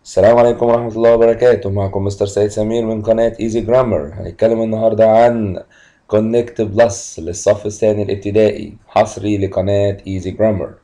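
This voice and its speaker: A man teaching an English lesson, mixing Egyptian Arabic explanations with English words he says slowly twice. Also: lowish voice, fairly even intonation, dark tone, rough recording. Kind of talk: vocabulary lesson, slow repeated words.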